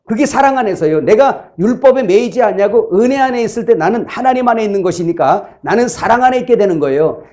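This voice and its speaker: A man's voice: high-pitched, a little mellow. A man preaching a sermon as pastor in a conversational way, acting out quoted inner voices.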